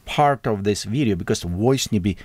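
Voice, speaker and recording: Lively, halting man's tutorial voice. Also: fairly low pitch, no echo. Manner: halting, non-native English with frequent restarts. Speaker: tech tutorial host. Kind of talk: casual software tutorial.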